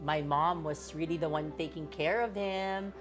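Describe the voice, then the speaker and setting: Playful woman guest with an American twang, slightly low voice, over clear background music. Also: moderate pace. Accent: American-tinged Filipino English. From Philippines, raised in the United States. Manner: chatty, playful, mixes English and Tagalog freely. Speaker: interview guest. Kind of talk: casual Taglish chat.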